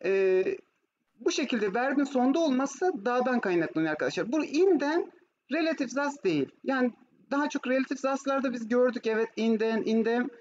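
High-voiced Turkish woman teaching German. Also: lively intonation, fairly quick, darkish tone. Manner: explanatory, often checks with questions. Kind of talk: online lesson mixing Turkish explanation with German examples. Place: online video class with screen share. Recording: muffled, noisy online call audio.

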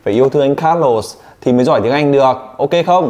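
A male English teacher drills a student with rapid, teasing questions. His voice sits at an ordinary middle pitch. There is a faint hiss of background noise. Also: a little mellow. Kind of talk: one-on-one pronunciation coaching.

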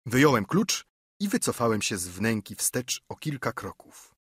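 A man reading a classic story as an audiobook narrator, with steady storytelling. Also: normal speed, husky, dry recording, studio quality. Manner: steady storytelling, lifting pitch for quoted dialogue. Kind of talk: scripted narration.

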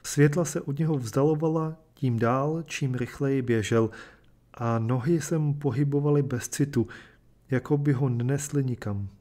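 A man reading a short story aloud and then explaining it in a measured, thoughtful way. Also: mid-range voice, dark tone. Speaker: reader and commentator. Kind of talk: literary reading and lecture.

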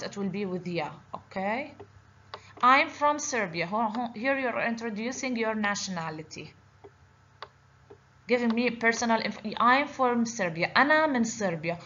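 This woman's voice sits on the high side and has a fairly bright tone. She's an Arabic teacher narrating slides for an online language lesson, patiently breaking things down step by step and repeatedly asking "okay?". The lo-fi recording sounds a bit dull, with a faint hiss.

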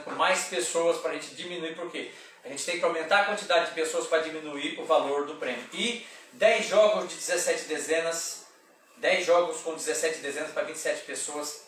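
A middle-aged man sits at his office desk and reads draw results and pool prices off sheets of paper in a relaxed, chatty way. His voice sits a little high for a man. The camera is a good way off, so the sound is roomy and echoey, with faint hiss underneath. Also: recorded from a distance. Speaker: lottery shop owner presenting results. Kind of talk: casual direct-to-camera announcements. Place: small office in a lottery shop, indoors. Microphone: far camera on a desk.

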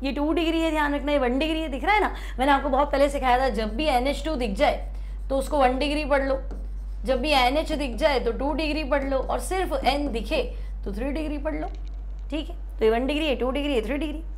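A woman from India teaches chemistry at the board with a high voice. She takes each step slowly, repeating the key terms and asking her class questions that she then answers herself. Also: slight background noise.

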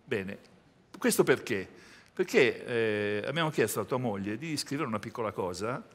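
A man's voice: mid-range voice, lively intonation, normal speed. A man hosting a TV comedy show, teasing and playful with his guest. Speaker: show host. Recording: large hall with audience. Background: audience crowd.

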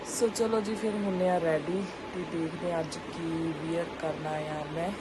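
A woman's voice: on the low side, steady tone, normal speed. A woman in her thirties with a Punjabi accent, chatting casually to viewers and family as she narrates her home vlog. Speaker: family vlogger, mother. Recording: clear background noise, household and outdoor ambience.

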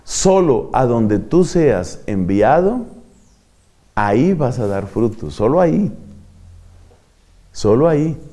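An older man, a friar preaching a sermon in an animated, dramatic way that acts out examples. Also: medium pitch, slow pace, long pauses. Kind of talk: sermon to religious.

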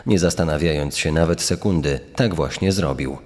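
Really deep-voiced guy telling a crime story, big reverb. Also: a little mellow. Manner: measured, dramatic storytelling. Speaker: podcast narrator. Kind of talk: scripted true-crime narration. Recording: long reverb on the voice.

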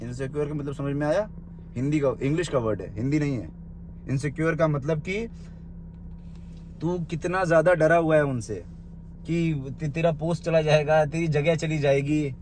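A man's voice: on the high side, moderate pace, a little mellow, a little hiss or hum. A young man in a small room delivering an angry, insulting rant into his phone, mocking and confrontational. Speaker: social media commentator.

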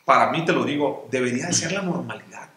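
A man's voice: medium pitch, fast, sharp tone. A man hosting a podcast, asking questions and affirming his guest in an enthusiastic way. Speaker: podcast host. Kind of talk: casual interview. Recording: roomy echo.

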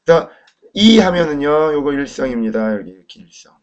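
Lo-fi, chatty male language teacher. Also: medium pitch. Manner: talks to viewers with quick questions, models pronunciation loudly. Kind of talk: friendly classroom lecture. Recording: dull lo-fi recording.

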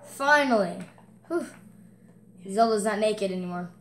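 A woman's voice: mid-range voice, animated, unhurried, roomy sound, heavy background noise. Chatty woman doing let's-play commentary. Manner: chatty, reacting aloud and reading on-screen text. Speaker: game streamer.

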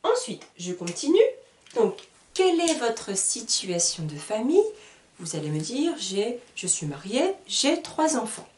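Spelling words letter by letter and repeating examples carefully, a woman runs a beginners' French lesson. Her slightly high voice has a sing-song lilt, a measured pace and a darkish tone, captured in a roomy space a little away from the mic.

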